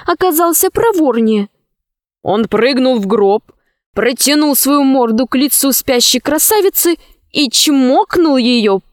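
A woman reading a children's fairy tale aloud in a slow, expressive way. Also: high-pitched, dry recording, studio quality. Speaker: narrator.

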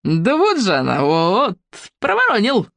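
A reader voicing a greedy, predatory woman innkeeper in an audiobook fairy tale, gloating and shrill. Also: wildly swooping pitch, a little slow, creaky, fairly bright tone, no room sound, exaggerated voice. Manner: shrieking, gloating.

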